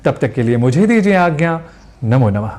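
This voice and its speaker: A man presenting a pronunciation lesson on television, speaking with careful, deliberate enunciation and slowing down to model each sound. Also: medium pitch, big pitch swings. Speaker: Sanskrit language teacher.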